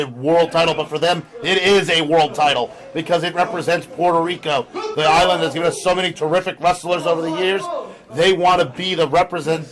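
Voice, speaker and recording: A man's voice: a little high, rough recording. A man working as a lucha libre announcer, giving live play-by-play and calling wrestling moves in short bursts. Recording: crowd noise behind commentary. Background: live crowd.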